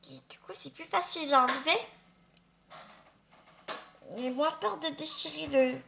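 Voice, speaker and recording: A woman's voice: sits high, measured pace, gravelly, noisy background. A woman chatting casually to viewers as a craft unboxing vlogger, affectionate and gushing, with a slight lisp and slushy s sounds. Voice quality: slight lisp, slushy s after dental surgery.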